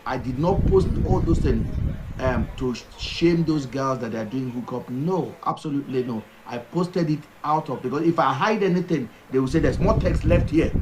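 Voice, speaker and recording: A man's voice: fairly high pitch, rough recording. A man hosting a call-in talk show, talking emphatically and firing off rhetorical questions. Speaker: show host.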